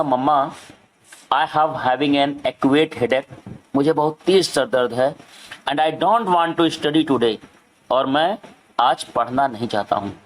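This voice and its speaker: A male schoolteacher explains a story lesson to children, reading each English line slowly and then going back over its meaning. His voice sits at an ordinary middle pitch. A faint hiss runs under the recording. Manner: slow, repetitive, reads English lines word by word. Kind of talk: classroom lesson explaining in Hindi.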